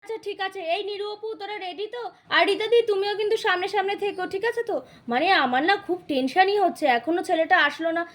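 A woman gives voice to a fretful elder sister in a homemade doll puppet show. She complains and scolds in a very high, rapid voice. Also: fairly bright tone. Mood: fretting. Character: impatient fussing elder sister, middle-aged woman.

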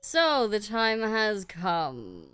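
A woman's voice: medium pitch, huge pitch swings, extremely slow, fairly bright tone, clear, resonant tone, dry recording, full character voice. A woman reading as the ancient Great Deku Tree. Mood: solemn. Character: ancient wise male tree spirit, solemn. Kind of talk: reading game dialogue aloud.

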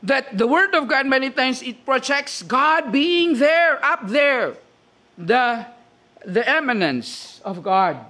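Slow, high-voiced Filipino preacher. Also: male voice, a bit bright. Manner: slow, deliberate preaching with frequent "okay?" check-ins. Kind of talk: sermon.

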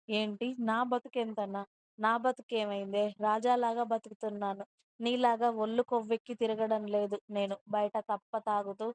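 A domineering young husband from a storybook, read by a woman in her own voice. He scolds and threatens in a bossy tone, delivered in a higher, flat-toned voice. The sound is crisp and dry, close to the mic. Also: no echo, natural voice. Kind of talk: storybook narration with dialogue.

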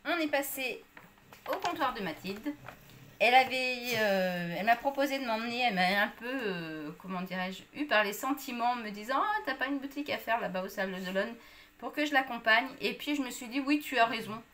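A woman's voice: a little high, animated, fairly quick, a bit bright, slight background noise. A woman chatting casually to viewers about a shopping haul, with many fillers. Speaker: vlogger.

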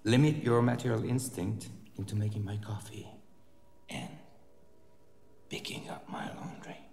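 An actor playing a contemptuous male boss who berates a job applicant, hissing some lines in a whisper and shouting others. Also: fairly low pitch, a little slow, creaky. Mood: sneering. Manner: sneering, berating, swings from hissed whispers to shouts. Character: contemptuous misogynist male boss, middle-aged. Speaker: boss interviewing a secretary.

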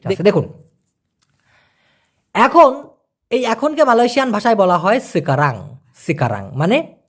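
A language teacher, giving a beginner lesson and repeating words slowly so learners can follow. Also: medium pitch, sing-song, slightly rough.

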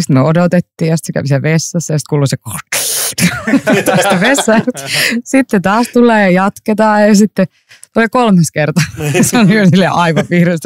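A woman actor as a podcast guest, telling lively anecdotes with frequent laughter and many fillers, recorded in a library room. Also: mid-range voice. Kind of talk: casual interview storytelling.

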